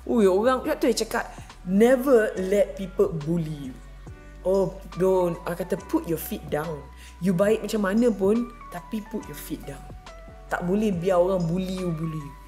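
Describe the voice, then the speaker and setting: A married woman vlogging, telling a casual story with lively acted-out quotes and English words mixed in. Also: measured pace, soft background music. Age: adult, married. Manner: animated, acts out quotes with big pitch jumps, mixes English in.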